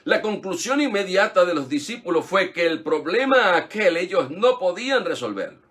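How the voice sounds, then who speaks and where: A man's voice: high-pitched, big pitch swings, moderate pace, fairly bright tone. A male pastor preaching a sermon, with rhetorical questions and repeated phrases.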